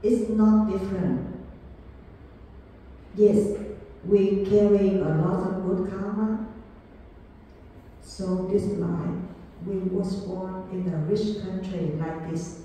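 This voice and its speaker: A woman giving a Buddhist dharma class, speaking deliberately and repeating key phrases to her students. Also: medium pitch, fairly even intonation, dark tone. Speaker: Buddhist teacher. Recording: echoey hall, far from mic.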